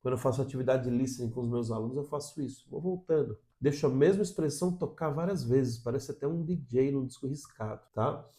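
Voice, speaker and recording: A man's voice: medium pitch, fast talker, hardly any pauses, mellow. A Brazilian man with a Brazilian Portuguese accent, teaching English in a casual video lesson, upbeat and often checking in with "tá?" and "ok?".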